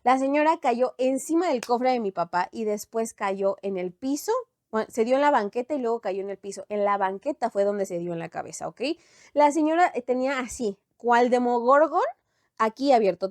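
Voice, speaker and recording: A young woman with a Mexican accent tells a story in a lively, slangy, animated way. Her voice sits fairly high. The recording is dry and close, with little room sound. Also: no echo. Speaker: storytime vlogger. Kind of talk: casual storytime chat.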